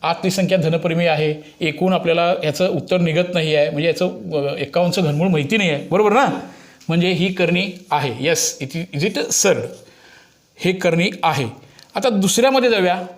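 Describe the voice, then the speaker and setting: A man's voice: on the high side, normal speed. A man teaches a maths lesson. He explains to children step by step, often stopping to ask them a question and prompt an answer.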